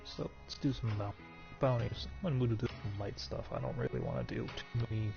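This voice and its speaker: Hiccuping as he plays, a streamer jokes and rambles through casual gameplay commentary with music in the background. His voice is low-ish and creaky with big pitch swings, fairly quick, on a dull lo-fi mic amid background noise.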